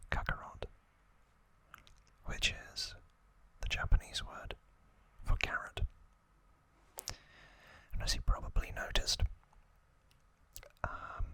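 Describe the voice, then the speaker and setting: This is a man's ASMR whisper: hushed and airy, delivering trivia a few halting words at a time.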